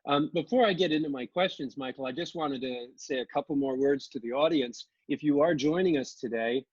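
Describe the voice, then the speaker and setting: A man hosting a live-streamed winery interview, talking in a halting way with many fillers and restarts. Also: medium pitch, a little mellow, slightly rough, no echo. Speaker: host. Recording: dull lo-fi livestream audio.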